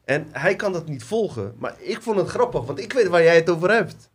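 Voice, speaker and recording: A man hosting a casual podcast, relaxed and slangy, talking to his guest and his viewers. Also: fairly high pitch, a little fast, slightly rough. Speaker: podcast host.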